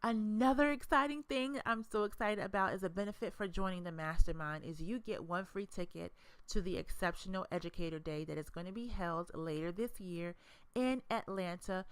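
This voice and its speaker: A woman hosting a mastermind program, who pitches it with enthusiasm, stacks up emphatic adjectives and speaks straight to the listener. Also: clear, resonant tone, no room sound. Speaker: educator and mastermind host. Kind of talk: promotional presentation.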